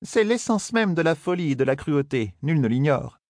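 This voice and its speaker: A man's voice: on the high side, big pitch swings, moderate pace, darkish tone, no echo, clean studio sound, pitched above the performer's own voice. A man voicing a raised, knowing sorceress. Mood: firm explaining. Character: female Aes Sedai scholar, calm and knowing.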